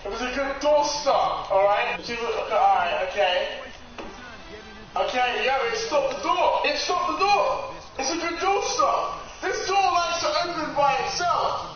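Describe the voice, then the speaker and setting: A young man vlogging casually, talking excitedly, laughing often, swearing and repeating himself. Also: very high-pitched, normal speed. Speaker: YouTube vlogger. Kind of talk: casual reaction and product-test vlog. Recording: echoey lo-fi room recording from a distance with music.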